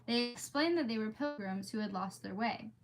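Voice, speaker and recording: Her voice sits on the high side and sounds gravelly, at a normal speed. She's a livestream host who reads a storybook to viewers, talking to them in a loose, chatty way and often drifting off topic.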